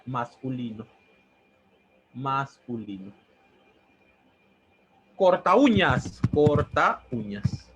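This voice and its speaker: A man's voice: mid-range voice, lo-fi sound, slight background noise. A man teaching a grammar lesson, who repeats words and checks in with a questioning "¿no?". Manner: explains step by step, repeating words and asking "¿no?".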